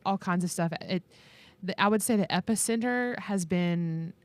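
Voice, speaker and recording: A woman's voice: fairly low pitch, normal speed, no room sound. A woman co-hosting a podcast, talking in a casual, conversational way. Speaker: podcast co-host. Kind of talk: casual chat.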